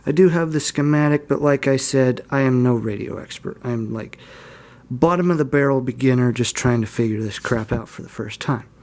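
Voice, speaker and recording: A hobbyist video host, a man with a mid-range voice, talks at a moderate pace while giving a hands-on demonstration. He's casual and informal, rambles a bit, and pokes fun at himself. Steady mains hum and room noise run through the recording, along with electrical hum and faint static.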